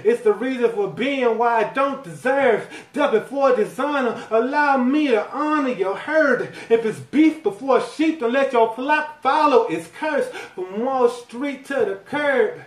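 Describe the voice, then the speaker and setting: A man rapping a one-take freestyle in a small room at home, his lines rhythmic and at times shouted. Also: very high-pitched, lively intonation, a little slow, few pauses. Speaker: rapper. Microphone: far 360 camera. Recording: echoey room, voice far from the mic.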